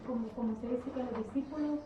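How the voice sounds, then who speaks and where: A woman's voice: on the high side, steady tone, fast talker. A woman in a Bible study audience asking a question, hesitant and stumbling over her words. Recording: distant echoey room mic, dull and faintly noisy.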